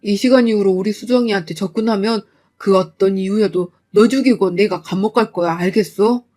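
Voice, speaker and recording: A woman's voice: medium pitch, a little fast, mellow, close to an everyday voice. A woman voicing an enraged middle-aged father who growls threats.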